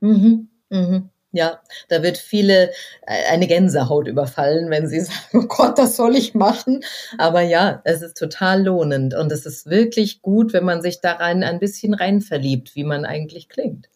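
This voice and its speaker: Animated woman voice coach. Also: fairly low pitch, moderate pace. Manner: animated, acts out quoted reactions. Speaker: voice coach guest. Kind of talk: conversational interview.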